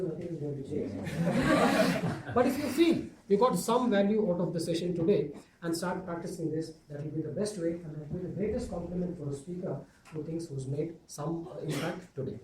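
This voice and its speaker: A man's voice: high-pitched, a little fast, noisy background. A male guest speaker giving a motivational lecture with anecdotes, telling jokes to a class in a lecture room. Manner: jokey storyteller. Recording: echoey room from far off.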